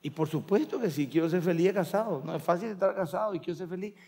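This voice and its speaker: Middle-aged male Paraguayan pastor, sermon delivery, storyteller, slightly raised pitch. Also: quick pace, a little mellow, husky. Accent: Paraguayan Spanish. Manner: storytelling, acting out family voices in quotes.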